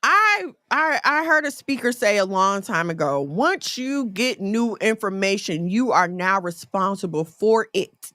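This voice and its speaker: Woman, forties, chatty faith talk with folksy asides; bright tone, dry close sound. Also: medium pitch, unhurried, hardly any pauses, no room sound. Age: 40s. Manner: conversational, folksy, animated storytelling with asides.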